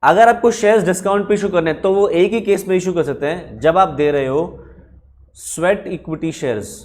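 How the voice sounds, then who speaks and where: A man's voice: high voice, normal speed, a little mellow. A man teaching accounting in a conversational classroom lecture, stopping often to quiz his students.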